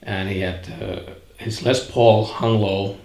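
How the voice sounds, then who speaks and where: A man in his forties with a Finnish accent, a guitar maker answering interview questions in a reflective way, often pausing to search for words. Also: fairly low pitch, steady tone, vocal fry, a little mellow. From northern Finland. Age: 40s. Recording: roomy echo.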